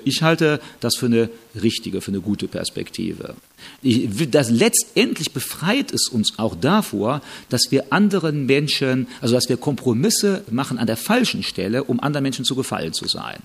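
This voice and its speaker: A middle-aged man preaching a sermon, animated, often asking his listeners for agreement. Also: mid-range voice, slightly rough. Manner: animated, questioning the audience.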